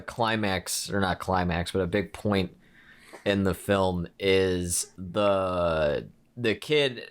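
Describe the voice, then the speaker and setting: A man's voice: deep voice, fairly bright tone. A young man co-hosting a podcast, recapping a horror film in a rambling, casual way full of filler words. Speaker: podcast co-host. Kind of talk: casual movie review chat.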